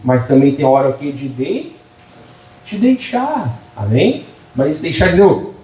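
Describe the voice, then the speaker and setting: Middle-aged male pastor, folksy and joking, mellow tone, echoey church sound. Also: fairly high pitch, very animated, measured pace, far from the mic. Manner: humorous, folksy preaching with frequent call-and-response. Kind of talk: sermon.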